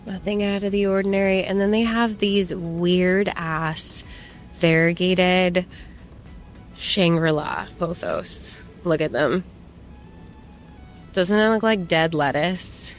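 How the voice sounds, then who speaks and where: A woman's voice: fairly low pitch, fairly even intonation, takes it slowly, soft background music. A woman chatting casually to viewers in a shopping haul vlog, informal and rambling as she browses and remarks on items. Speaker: plant shopping vlogger. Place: plant shop.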